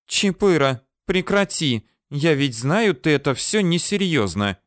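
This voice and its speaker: A man's voice: on the high side, big pitch swings, a little slow, dry recording, studio quality, pitched above the performer's own voice. A man voicing an earnest, reproachful young female student in an audiobook, scolding in a rule-bound way. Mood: indignant.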